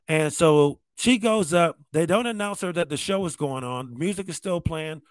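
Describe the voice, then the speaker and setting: A man's voice: on the high side, normal speed, no echo. A male stand-up comedian telling stories in a loose, conversational way, often saying "man" and "like". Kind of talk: casual storytelling monologue.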